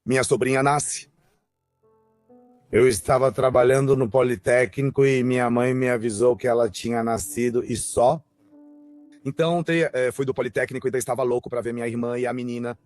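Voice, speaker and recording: A man's voice: medium pitch, fairly even intonation, moderate pace, darkish tone, soft background music. Earnest young man, documentary testimony. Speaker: brother interviewed.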